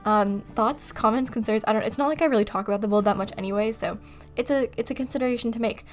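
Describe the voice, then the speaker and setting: A woman's voice: fairly high pitch, fast. A woman from California, chatting casually in a voice-over, rambling and laughing at herself as she talks. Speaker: video creator. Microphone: desktop mic on computer recording software.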